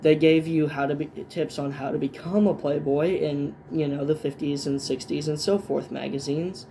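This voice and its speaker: Man narrating a history video, mellow voice. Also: on the high side, fairly even intonation, normal speed, vocal fry, slight background noise. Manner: reads scripted lines then adds offhand asides; fillers and restarts between points. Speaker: video essay host. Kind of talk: semi-scripted history narration.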